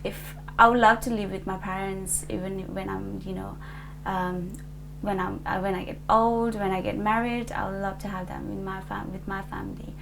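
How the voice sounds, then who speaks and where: A woman's voice: medium pitch, steady tone, normal speed, gravelly, hardly any pauses, over music, rough recording. A woman in her twenties from Nepal, answering an oral history interview hesitantly, with many fillers and restarts. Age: 20s.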